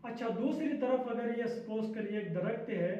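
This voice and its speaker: A man's voice: very high-pitched, normal speed, warm tone. A man teaches a class, firing the same questions again and again and echoing each answer back. He sounds far from the mic, in a very echoey room with a dull, lo-fi sound. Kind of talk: classroom lesson.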